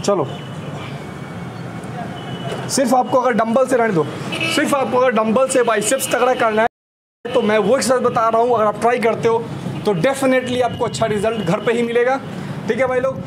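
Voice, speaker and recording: A high-voiced young man, a fitness trainer, coaches a home workout demonstration with energy, repeatedly saying "slowly slowly" and counting. It was recorded outdoors on a rooftop terrace, where street ambience and vehicles make the audio noisy.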